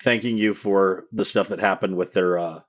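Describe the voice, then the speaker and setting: Rambling low-voiced male game master. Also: fairly even intonation, lo-fi sound. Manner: rambling, halting, many fillers. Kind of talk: live-streamed tabletop game narration.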